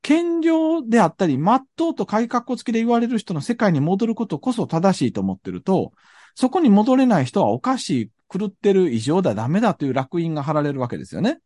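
A man's voice: sits high, sing-song, brisk, darkish tone, dry recording. Musing man with a Kansai accent. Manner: thoughtful, searching for words. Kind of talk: reflective discussion.

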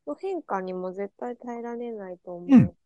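Woman, mellow and a touch high, muffled lo-fi recording, gentle and agreeable. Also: animated, moderate pace, no echo. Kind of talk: reflective discussion. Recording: dull lo-fi dry sound.

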